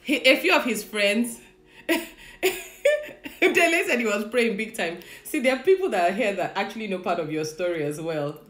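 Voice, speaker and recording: A woman with a mid-range, slightly bright, expressive voice speaks at normal speed in a reverberant space. Indoors in a room at home, she hosts a casual live-streamed chat with her husband, greeting viewers, laughing often and leading a prayer.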